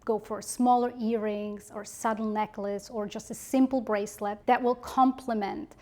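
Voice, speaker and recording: A woman giving polished instructional advice as an etiquette coach, with prim, measured, precise enunciation. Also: mid-range voice, steady tone, a little mellow.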